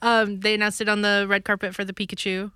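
A woman's voice: medium pitch, little pitch movement, fast, bright, forceful tone, clean tone, no echo, clean studio sound. A woman co-hosting a casual news chat show, giving wry, teasing replies. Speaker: co-host.

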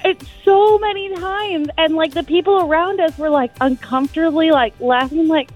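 A woman with a high voice talks on a radio call. She tells her story with nervous giggles and plenty of fillers. Faint music plays behind her. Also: moderate pace, poor audio. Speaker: caller on a radio dating segment. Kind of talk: phone call chat.

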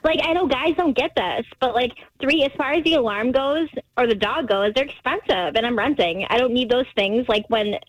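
A woman's voice: fairly high pitch, moderate pace, hardly any pauses, no room sound, highs cut off. A woman on a radio call-in, defensive and talkative, filling her speech with "like". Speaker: caller. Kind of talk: phone call on a radio show.

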